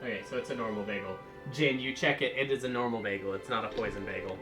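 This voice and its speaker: A man acting as game master for a tabletop game with friends, easygoing and quick to laugh. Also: lowish voice. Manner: relaxed, laughing, easygoing rulings. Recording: roomy sound with music behind.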